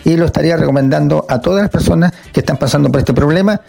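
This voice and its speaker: Gravelly elderly Chilean man giving a testimonial. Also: fairly high pitch, racing, warm tone. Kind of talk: spoken testimonial in an interview.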